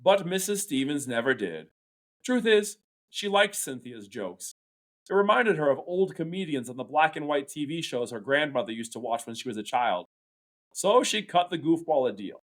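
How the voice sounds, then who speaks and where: A male English teacher reading a novel chapter aloud to his class in an animated storytelling manner, acting out the dialogue. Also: fairly high pitch, normal speed.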